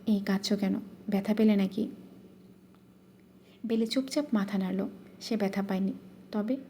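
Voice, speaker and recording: A woman narrating a romantic story as an audiobook, in a soft, even storytelling delivery. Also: mid-range voice, slight background noise.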